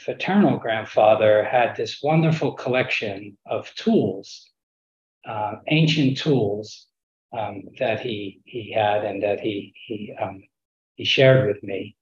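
Male interviewee, measured and reflective with hesitant pauses, roomy lo-fi call sound. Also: lowish voice. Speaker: interview guest, architect.

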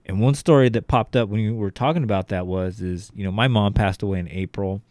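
A man's voice: on the low side, brisk, a little mellow, no room sound. A young adult man, a podcast co-host, telling a rambling, profane story in casual chat, full of fillers like "you know" and "like".

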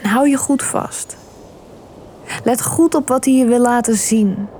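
A woman guiding a visualization meditation, speaking softly and soothingly and often slipping into a whisper. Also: on the high side, measured pace, a little hiss or hum. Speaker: meditation guide.

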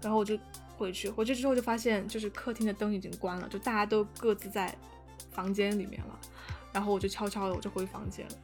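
A young woman telling a story in casual chat, animated and full of fillers and restarts. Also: mid-range voice, fast, soft background music. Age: young adult. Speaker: podcast guest storyteller.

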